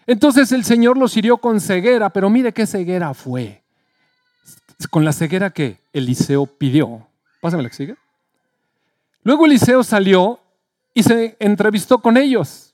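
High-voiced preacher telling a story. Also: male voice, unhurried, no echo, clean studio sound. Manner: lively storytelling preacher, acts out quotes with rising pitch. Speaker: pastor. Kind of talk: sermon.

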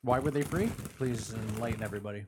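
A man's voice: medium pitch, fast talker, noisy background. Dry-joking male podcast co-host. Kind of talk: casual chat.

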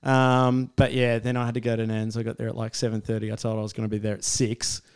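A man's voice: medium pitch, monotone, quick pace, smooth. Blokey young Australian man, laid-back tradie style. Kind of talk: casual chat and storytelling.

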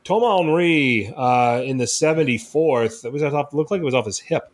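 A man's voice: mid-range voice, moderate pace. A man hosting a casual football podcast, recapping matches with lots of fillers and restarts. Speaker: podcast host.

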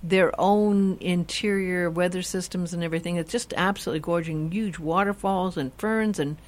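Chatty low-pitched woman host. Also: steady tone, moderate pace. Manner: rambling, chatty, many restarts. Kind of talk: casual chat.

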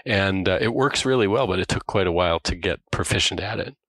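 A man's voice: low voice, fast, fairly bright tone, no room sound. A man podcast panelist talking casually in a rambling, anecdotal way. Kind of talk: casual chat.

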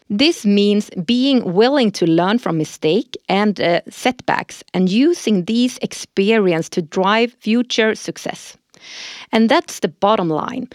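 A woman's voice: mid-range voice, a little mellow, dry recording, studio quality. A woman hosting a corporate podcast who reads prepared lines and agrees with her co-host. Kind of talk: scripted corporate podcast dialogue.

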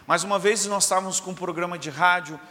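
A man gives a sermon testimony in a church service. His voice is bright and forceful, a touch higher than most men's. He tells the story dramatically, dropping to a hush and rising again, and long reverb rings around him. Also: steady tone, quick pace. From southern Minas Gerais, Brazil. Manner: dramatic storytelling, swinging from loud to hushed. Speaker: preacher giving testimony.

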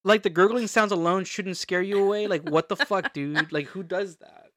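A podcast co-host with a mid-pitched voice tells stories casually and playfully. The delivery is informal and chatty, recorded dry with no room sound. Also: moderate pace, fairly bright tone, no room sound. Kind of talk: casual storytelling chat.

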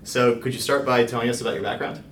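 A man's voice: medium pitch, steady tone, fast talker, fairly bright tone. Man, podcast host, polished upbeat delivery, roomy echo, faint background hum. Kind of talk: scripted intro, then interview questions. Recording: roomy, distant from the mic.

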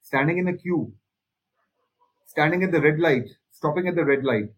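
Husky, higher-pitched Indian man making his case. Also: moderate pace, poor audio. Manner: emphatic, repeats phrases to drive points home. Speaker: panelist. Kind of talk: opinionated discussion.

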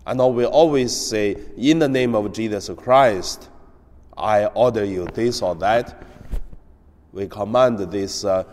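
A man, a priest, giving a gospel reading and homily in a slow, halting way with many pauses, his voice carried by a long cathedral echo. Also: medium pitch, a little mellow. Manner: slow, halting delivery with frequent hesitations. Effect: cathedral echo, long church reverb. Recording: long reverb of a large church.

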